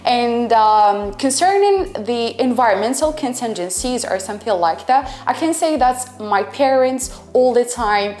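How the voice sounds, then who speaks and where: Speaking a little slowly with few pauses, this twenty-one-year-old from Algeria has a slightly high, slightly mellow voice and lively intonation. An Arabic speaker who both studies and teaches English, she answers interview questions in English with hesitation, frequently hunting for words, while faint music plays in an echoey room.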